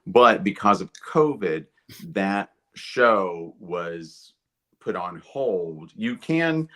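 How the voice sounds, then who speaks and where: A man from Kentucky, an actor and producer, answering interview questions in a measured, thoughtful way with frequent "um"s. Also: sits low, expressive, sharp tone. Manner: measured, thoughtful, pauses with many "um"s.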